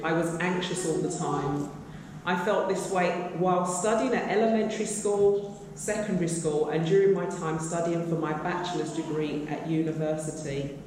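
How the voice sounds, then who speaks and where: A woman's voice: on the low side, a little mellow. Woman reading aloud in a distant echoey hall. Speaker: missionary giving a report. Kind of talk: reading a written account aloud. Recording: echoey hall, mic far off, faint noise.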